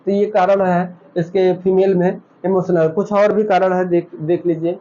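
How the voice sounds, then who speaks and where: High-voiced man teaching a nursing lecture. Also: flat delivery, moderate pace, dark tone, highs cut off. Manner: repeats key terms, asks and answers his own questions. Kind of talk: classroom lecture.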